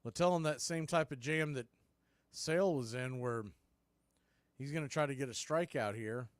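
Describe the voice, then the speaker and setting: In a dry recording, a man with a medium-pitched voice and moderate pace gives live baseball play-by-play. He's the informal, colloquial announcer at a fan watch party, an outspoken homer for his team.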